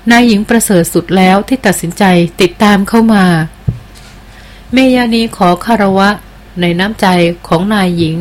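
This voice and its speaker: A woman's voice: mid-range voice, close to an everyday voice. A woman reading aloud as a loyal jungle queen who speaks with earnest, deferential respect in an audiobook.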